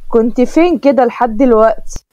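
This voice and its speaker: A woman's voice: a little high, fairly quick, mellow, dry recording, natural voice. A woman voicing a bossy, harsh middle-aged stepfather, in an Egyptian accent and a blunt, scolding manner. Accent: Egyptian Arabic. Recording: dull dry lo-fi recording.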